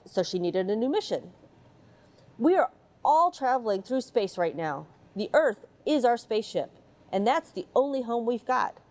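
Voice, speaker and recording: A middle-aged woman astronaut from the United States, her voice on the high side and a little mellow, reads a picture book aloud to children aboard a space station. Indoors in the module, she chats between pages.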